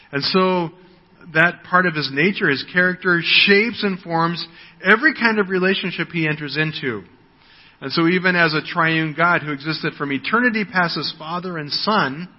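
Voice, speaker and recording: A man's voice: a little high, husky. American man in his sixties preaching in a hall. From United States. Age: 60s. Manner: conversational, frequent "right?", repeats words when starting. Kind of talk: sermon. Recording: dull audio with long hall reverb.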